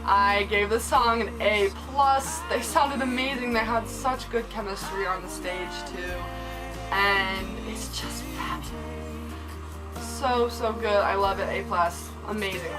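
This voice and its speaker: A young woman excitedly recapping a TV episode in casual chat, gushing and saying "like" and "oh my god" a lot. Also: medium pitch, measured pace, music in the background, rough recording.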